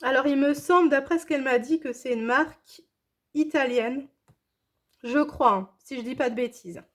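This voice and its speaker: A woman's voice: high-pitched, moderate pace. A woman chatting casually as she unboxes scrapbooking supplies, gushing and repeating her praise with enthusiasm. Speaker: scrapbooking vlogger.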